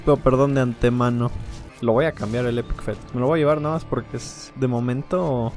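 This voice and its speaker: A man's voice: medium pitch, steady tone, fairly quick, darkish tone, soft background music. A man giving playful, rambling let's play commentary, joking and laughing often. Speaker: gaming video creator.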